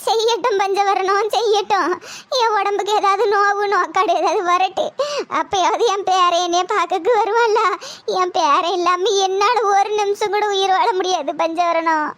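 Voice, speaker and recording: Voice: very high voice, normal speed, fairly bright tone. A voice actor playing an old village grandmother, who laments in a sing-song crying way. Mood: wailing. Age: older. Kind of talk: cartoon voice acting.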